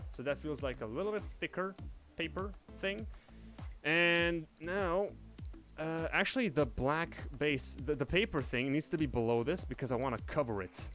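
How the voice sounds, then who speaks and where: A man's voice: mid-range voice, a bit bright. A young man from Indonesia, thinking aloud and narrating his steps at home while working on a project live. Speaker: livestreaming 3D artist. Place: home room shared with family.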